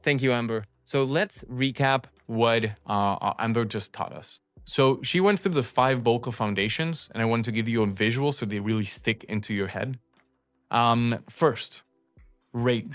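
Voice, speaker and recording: A man's voice: mid-range voice, moderate pace, no room sound. A man hosting a sales course, recapping a lesson in a casual way with many filler sounds. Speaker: course host.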